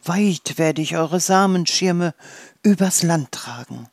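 A storyteller voicing a helpful, gentle wind in a children's story. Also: medium pitch, animated, takes it slowly, gravelly, no echo, clean studio sound, heavily acted. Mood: kind.

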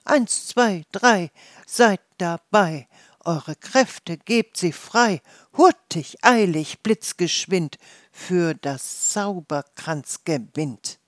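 A reader doing a loud, bossy little chief gnome. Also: mid-range voice, animated, dry recording, clean studio sound. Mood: rousing. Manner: loud, brisk rhyming chant.

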